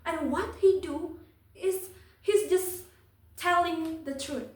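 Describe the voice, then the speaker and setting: A young woman with an Indonesian accent giving a prepared competition speech in a stiff, memorized, deliberately emphatic manner. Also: very high-pitched. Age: young adult. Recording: echoey room, distant microphone.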